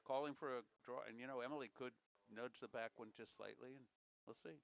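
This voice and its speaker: A man's voice: mid-range voice, steady tone, brisk, gravelly. A man giving casual, chatty live curling commentary, with folksy jokes and repeated calls.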